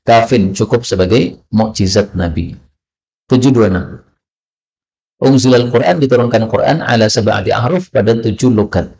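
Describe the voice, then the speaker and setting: This lo-fi, dull-sounding clip features a male Islamic teacher at a moderate pace, his medium-pitched voice carrying a darkish tone. He works through a religious study lesson, translating line by line and answering his own questions.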